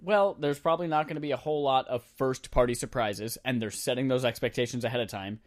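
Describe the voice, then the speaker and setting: A man's voice: mid-range voice, quick pace. A man co-hosting a casual gaming podcast, joking and teasing his co-host. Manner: joking, teasing, does mock voices in quotes.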